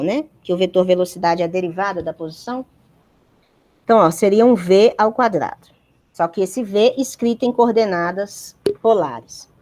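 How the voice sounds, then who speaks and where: A woman's voice: medium pitch, darkish tone. A woman giving a university physics lecture, explaining step by step and checking in with her students.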